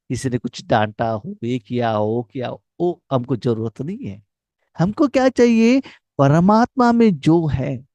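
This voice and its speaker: A man giving a slow devotional class as a spiritual teacher, stressing and repeating key phrases. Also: fairly high pitch, darkish tone, no echo. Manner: slow, emphatic, repeats key phrases, mixes in English words.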